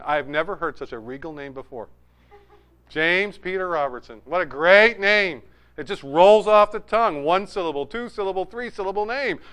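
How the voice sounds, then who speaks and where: High, smooth-voiced middle-aged male pastor. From New Hampshire, USA. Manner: animated storytelling, with humor and asides. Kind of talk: conversational sermon.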